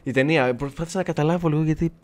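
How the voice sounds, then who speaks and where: A man casually chatting while livestreaming gameplay, self-mocking and swearing, talking back to his viewers and the game. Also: fairly high pitch. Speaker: gaming livestreamer. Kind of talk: casual live gameplay chat.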